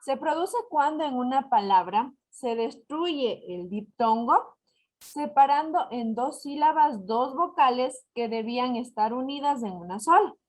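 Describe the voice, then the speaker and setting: A woman teacher with an Ecuadorian Spanish accent explaining a lesson step by step, slowing down on examples and checking that her students follow. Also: high voice, lively intonation, darkish tone. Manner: didactic, slows to spell out examples, asks "¿ya?" to check understanding. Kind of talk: recorded lesson explaining syllable counting.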